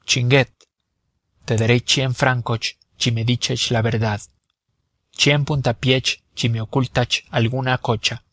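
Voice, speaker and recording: A man's voice: medium pitch, little pitch movement, slow pace, fairly bright tone, no room sound, studio quality. A man voicing a flustered rich older notary with a head cold, who talks through his nose and turns his s sounds into sh. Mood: demanding. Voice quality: nasal, lisping s as sh. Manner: indignant, blustering.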